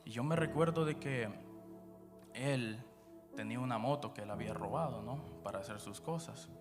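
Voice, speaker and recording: A man from Guatemala with a Guatemalan Spanish accent, giving his church testimony in an unscripted storytelling way, full of fillers, his voice dropping low when he recounts dark moments. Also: normal speed. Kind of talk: personal testimony after prayer. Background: background music.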